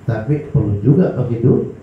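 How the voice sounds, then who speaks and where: A man preaching at a religious study session, animated, swinging between loud cries and low mutters. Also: moderate pace. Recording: echoey hall, dull lo-fi sound, faint hiss.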